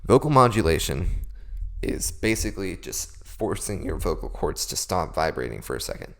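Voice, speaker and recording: A man's voice: low-pitched, sing-song, moderate pace, creaky. A young man hosting a casual beatboxing tutorial, explaining vocal techniques in a laid-back, self-deprecating way.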